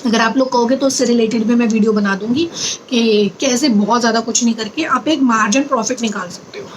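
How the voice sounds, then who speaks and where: A woman's voice: on the high side, fairly quick, slight background noise, rough recording. A young woman vlogger telling a personal story in a chatty, earnest way, mixing in English words. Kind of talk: casual storytelling to camera.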